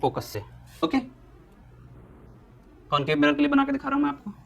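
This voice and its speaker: A young Indian man teaching a physics lesson at a board, asking questions and answering them himself, slowing down to dictate definitions. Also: very high-pitched, very animated, gravelly. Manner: asks students questions and answers them himself, repeating key points.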